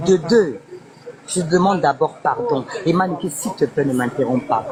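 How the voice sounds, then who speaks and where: A woman's voice: sits low, animated, moderate pace, a crowd in the background, poor audio. A woman guest speaking insistently and emotionally in a live interview, mixing French and Lingala. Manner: pleading, insistent, switches between French and Lingala.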